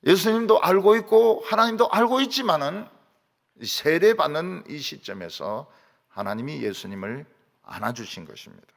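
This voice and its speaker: Animated pastor. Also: male voice, fairly high pitch, moderate pace, gravelly. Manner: animated, questions the congregation, swings loud and soft. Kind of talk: sermon. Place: church sanctuary. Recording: long hall reverb.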